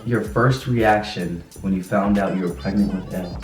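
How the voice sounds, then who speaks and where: A man's voice: sits low, moderate pace, a little mellow. A young man co-hosting a vlog, reading out questions and teasing with short reactions. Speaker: vlog co-host asking questions. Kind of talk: casual chat. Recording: roomy echo, mic at a distance, music behind.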